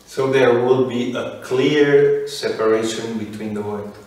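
Man, preacher, halting short phrases, restarts, echoey hall, distant mic. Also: medium pitch, darkish tone. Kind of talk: sermon with interpreter.

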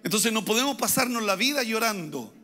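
A pastor preaches with a high, bright voice, pressing his points home through repetition and rising emphasis. His words ring out with a long hall reverb. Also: lively intonation, brisk. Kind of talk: sermon.

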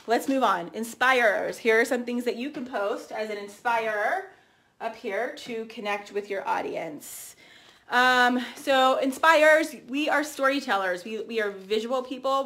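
A woman in her thirties giving a casual, chatty training talk to camera, energetic and full of fillers and restarts. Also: fairly high pitch. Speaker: team trainer.

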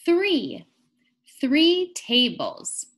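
A young woman with a fairly high, very lively voice leads a read-aloud for little kids. Her delivery is slow, deliberate and sing-song, like an encouraging teacher.

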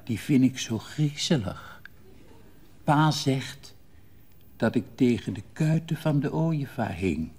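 An older man voicing a pale, quiet little girl who asks small, hesitant questions. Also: medium pitch, lively intonation, slow pace, husky, pitched above the performer's own voice, full character voice. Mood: wondering.

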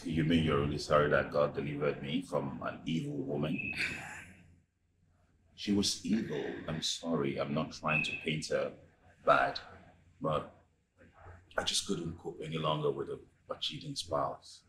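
A man's voice: extremely low pitch, steady tone, a little slow, long pauses. An actor with a Nigerian accent playing a recently divorced man who talks easily and laughs between his remarks. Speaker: boss's friend confiding in a young employee. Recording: echoey room with background noise.

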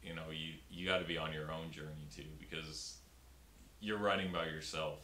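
In a small room with a pink backdrop, a fixed camera captures the upper body of a young comedian with a very deep voice. His intonation is fairly even, his speed normal and his tone bright and forceful as he talks casually in an interview, stumbling through fillers and restarts. Audio is roomy with a faint hiss.

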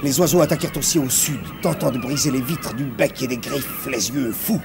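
A man telling a frightening story on television in a theatrical way, dropping to hushed tones and rising to cries. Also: mid-range voice, a little fast, background noise. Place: television studio set of a haunted castle.

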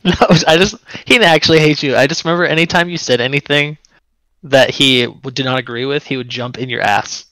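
A man's voice: mid-range voice, fairly quick, pushed and bright, no echo, poor audio. A young man in a casual chat who swears a lot and laughs through his stories.

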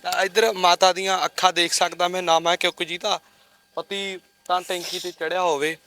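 A man's voice: sits high, little pitch movement, moderate pace, bright, forceful tone. A man with a Punjabi accent reporting on the spot, questioning people and repeatedly consoling them. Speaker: field reporter. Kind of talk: on-the-spot news interview.

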